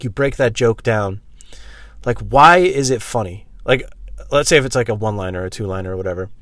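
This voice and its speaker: Man, lowish voice, dry sound; casual profane storyteller at a laundromat, blunt, slipping into acted-out dialogue. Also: a bit bright, dry recording. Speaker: vlog host telling personal stories. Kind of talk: casual rambling comedic monologue.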